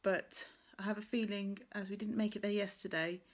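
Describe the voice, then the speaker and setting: A woman's voice: medium pitch, flat delivery, normal speed. A woman vlogger chatting casually about her crafts, rambling and correcting herself as she thinks aloud. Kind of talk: casual chat to camera about stitching.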